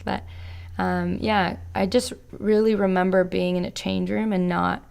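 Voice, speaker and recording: In a relaxed podcast interview, a young woman from Canada with a Serbo-Croatian background appears as a guest, speaking reflectively and often saying "like" and "you know." Her voice is low and gravelly, heavy with fry, and its pitch remains flat over long stretches.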